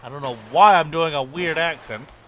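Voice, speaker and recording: A man giving excitable, casual commentary while playing a game, often chuckling to himself, with a noisy recording. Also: a little high, moderate pace. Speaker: gameplay commentator. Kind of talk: casual let's-play commentary.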